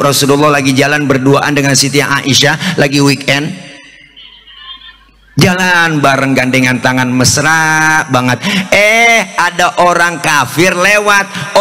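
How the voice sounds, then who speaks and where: A joking preacher, his voice high-set and bright. He teases his listeners and acts out the people in his stories with quick switches of voice. Faint music sits behind him. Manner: jokey, teasing, acts out quoted voices. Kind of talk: comic sermon to a congregation. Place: mosque gathering.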